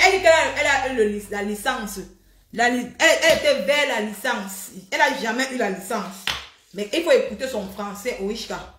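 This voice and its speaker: Woman, high voice, heated live-stream rant, mocking and repetitive, roomy echoey sound. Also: fairly bright tone. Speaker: livestream host.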